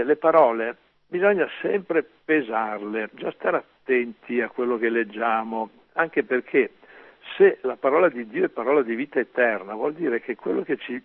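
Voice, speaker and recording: A man's voice: medium pitch, animated, normal speed, breathy edge, no room sound. A man preaching on scripture in an emphatic way, with rhetorical questions and frequent fillers. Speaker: priest. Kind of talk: sermon commentary on scripture. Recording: tinny radio broadcast.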